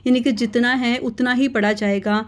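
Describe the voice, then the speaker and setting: A woman teaching children letter sounds in a slow, patient lesson. She repeats each sound several times and explains how to pronounce it. Her voice sits a little high. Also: steady tone. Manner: patient, drills letters repeatedly, mixes in English words. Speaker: Quran reading teacher for children.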